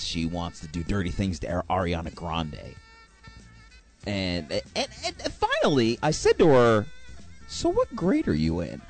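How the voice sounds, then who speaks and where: A young man telling a rambling, animated anecdote, correcting himself as he goes. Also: fairly low pitch. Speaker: storyteller. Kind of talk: casual anecdote.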